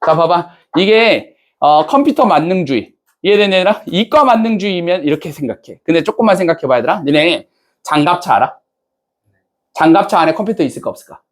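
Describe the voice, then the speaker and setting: A man's voice: high voice, lively intonation, brisk. A man teaching an English class, casually checking in with students and asking them questions as he goes. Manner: casual banter-style speech to students. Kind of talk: classroom lecture.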